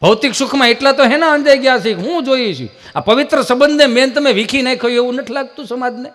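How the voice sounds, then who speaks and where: A man telling family stories as a folk comedian in a live show, acting out scenes with lively storytelling. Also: very high-pitched, fast, big-room sound.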